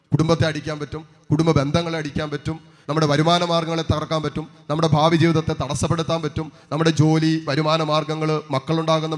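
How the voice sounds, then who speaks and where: A man's voice: on the high side, in a large hall. A man preaching a sermon as a priest, declaiming with rising emphasis, calling out hallelujahs and asking the congregation rhetorical questions.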